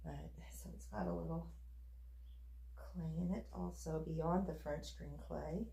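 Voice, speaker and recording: A woman giving a casual, chatty craft demonstration, unhurried and sometimes half talking to herself as she works. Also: sits low, fairly even intonation, gravelly, mellow. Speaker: soap maker demonstrating her craft. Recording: echoey room.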